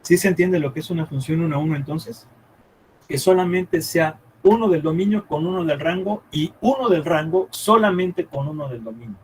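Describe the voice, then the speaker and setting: A man teaching a math class live, thinking aloud as he draws on the board and checking often with quick questions whether the students follow. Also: a little high, darkish tone, slight background noise, poor audio.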